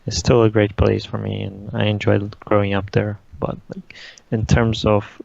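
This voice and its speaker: A man's voice: on the low side, completely flat delivery, moderate pace, creaky, a little mellow, no room sound. A young man from Brazil whose first language is Portuguese, answering interview questions in a laid-back way, often saying "like". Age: young adult. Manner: laid-back, uses "like" a lot. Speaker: guest, esports player. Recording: dull, lo-fi audio.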